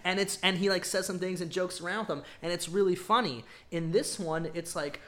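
A man's voice: high-pitched, steady tone, a little fast, a bit bright. A man co-hosting a podcast, giving a casual, rambling movie review full of ums and emphatic verdicts. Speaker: podcast co-host.

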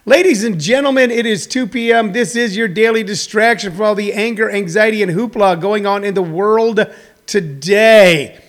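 A man with a high-pitched voice hosts a live comedy talk show. He addresses his online audience in the grandiose manner of a circus ringmaster, announcing the program as a showman would. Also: normal speed.

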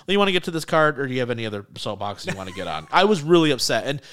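A man's voice: medium pitch, very animated, very fast, a bit bright, clear, resonant tone. A man co-hosting a sports podcast, ranting in exasperated, profane casual chat. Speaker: podcast co-host.

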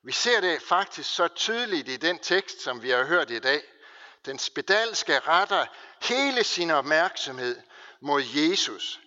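Animated, bright-voiced male preacher in a church hall. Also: a little high, lo-fi sound. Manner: preaching with slow, weighty pauses and emphasis. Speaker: pastor. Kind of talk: sermon.

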